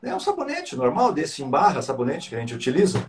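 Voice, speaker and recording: A man's voice: on the high side, huge pitch swings, fast. A Brazilian man, a business coach guesting on a live online talk, explaining points with frequent tag questions.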